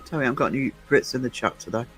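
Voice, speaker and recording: A woman's voice: very deep voice, rapid-fire. Lady in her 50s rambling to her stream chat, lots of little chuckles, faint music behind. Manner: rambling, chatty, chuckles often. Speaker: livestream host. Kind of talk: casual livestream chat with viewers.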